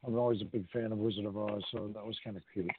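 A man's voice: fairly low pitch, fairly even intonation, fast, background noise. A man with a New York accent, co-hosting a talk show and making wry, sarcastic asides. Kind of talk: casual talk show banter. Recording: dry, phone-like sound.

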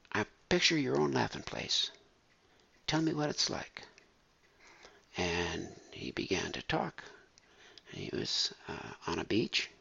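A man telling a true story in an unhurried, animated, folksy way. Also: low voice, vocal fry, breathy edge. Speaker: storyteller recounting a true case. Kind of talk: spoken storytelling. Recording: dull lo-fi recording.

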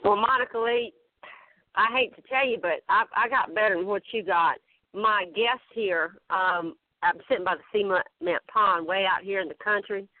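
A woman's voice: medium pitch, moderate pace, no echo. Folksy Southern woman on a dry phone line. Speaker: returning talk show guest. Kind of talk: casual chat.

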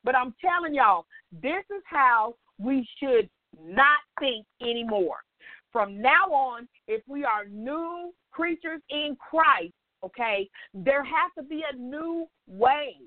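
An older woman leading an informal Bible study, a chatty, animated storyteller who acts out dialogue and keeps checking in with her listeners. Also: high voice, slow pace, no echo. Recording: tinny phone-line audio, dry.

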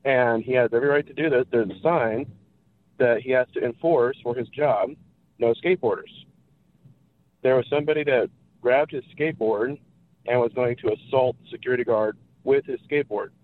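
Heard through a thin, dry phone connection, a Californian caller earnestly shares his view on a radio program. He speaks at normal speed in a medium pitch, going over points again to stress them.

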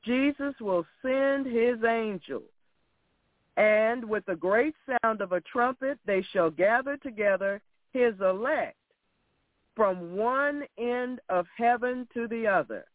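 A man delivers an exhorting sermon in a notably high voice. He takes his time, stressing and repeating phrases as he admonishes his listeners. The sound is thin and narrow, like a phone line. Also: no echo. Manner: emphatic, deliberate, repeats phrases. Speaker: preacher. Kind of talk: sermon with scripture readings.

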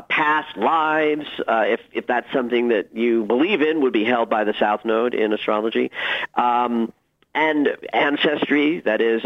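Here a male guest astrologer talks through ideas on a conversational radio interview, animated and emphatic, with expressive turns of phrase. His voice sits in the mid range, and the audio is dull.

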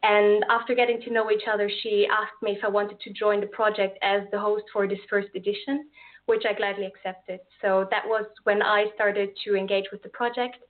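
Her delivery a little fast and her mid-range voice showing little pitch movement, an Austrian-accented young woman speaks as a guest event organizer in a casual call interview. The line sounds phone-like, and she is friendly and earnest, with some fillers and restarts.

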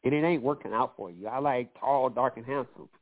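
Hosting a call-in radio program, a man with a medium-pitched voice talks a little fast as he offers casual, foul-mouthed advice on relationships. He sounds slightly nasal and wheezy from allergies, and the audio has a lo-fi, phone-like quality.

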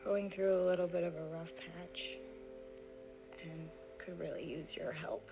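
An actress playing an overwhelmed young woman, rambling and halting, close to tears. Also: fairly low pitch, fairly even intonation. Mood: distraught. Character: overwhelmed young woman at her wits' end. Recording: tinny phone-like audio with soft music.

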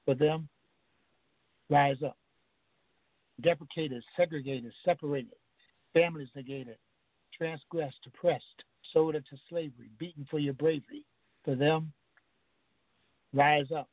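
A man's voice: fairly high pitch, fairly even intonation, unhurried, long pauses, dry recording. Guy on the phone doing spoken word poetry, rhythmic, tinny line. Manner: rhythmic, emphatic refrains. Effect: over the phone. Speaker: caller reciting his poem.

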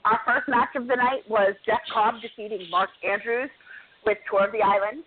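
A woman's voice: fairly high pitch, steady tone, normal speed, slightly rough. A woman co-hosting a podcast, chatting casually and telling stories as she runs through match results. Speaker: podcast co-host. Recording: tinny phone-like audio.

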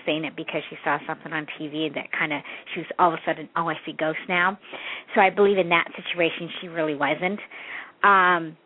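A woman in her forties from Canada, a psychic medium guest on a radio interview, talking in a rambling way, repeating words and laughing often. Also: lowish voice. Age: 40s. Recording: tinny phone line.

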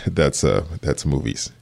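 A man speaking as a police detective in an interview, answering earnestly and hesitantly, with halting restarts. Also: extremely low pitch, gravelly, darkish tone.

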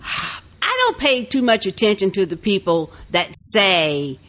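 A woman's voice: medium pitch, sing-song, measured pace, a bit bright. A woman co-hosting a casual podcast, agreeing emphatically and swearing often. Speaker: podcast co-host. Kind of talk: casual chat.

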